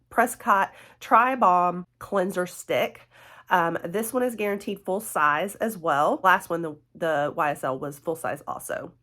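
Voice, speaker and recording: With a medium-pitched, fairly bright voice, a woman with a cold-stuffy nose gives a casual, chatty product review as a beauty vlogger. She's friendly with her viewers, sprinkling in fillers and laughs and calling them guys and y'all.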